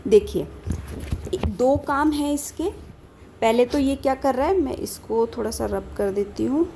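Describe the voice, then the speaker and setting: A woman from India teaching a casual lecture, talking quickly and checking in with her students after almost every point. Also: on the high side, animated, creaky, dark tone, a little hiss or hum. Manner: talks fast, with a rhythm that speeds up as she teaches; keeps asking and answering her own questions, peppered with "theek hai" checks. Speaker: pharmacy tutor.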